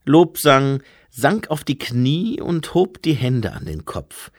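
A male audiobook narrator reading in a measured, expressive way. He takes his time, with a gravelly texture and a lively melody. The recording is dry and close. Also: medium pitch, no room sound. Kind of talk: scripted narration.

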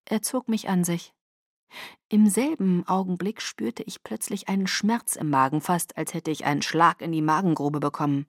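A woman narrating an audiobook in the first person with a calm, measured reading. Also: lowish voice, dry recording, clean studio sound.

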